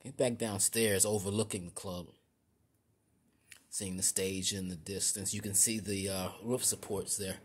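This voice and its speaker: A man narrating a casual walking tour inside a large store, halting often with fillers and restarts. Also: low-pitched, fairly even intonation, a little hiss or hum. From Chicago area. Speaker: vlogger.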